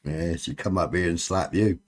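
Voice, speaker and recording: Low-voiced, sweary Cornish man. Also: steady tone, normal speed. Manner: sweary, bantering. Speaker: live stream host. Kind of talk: casual late-night livestream chat.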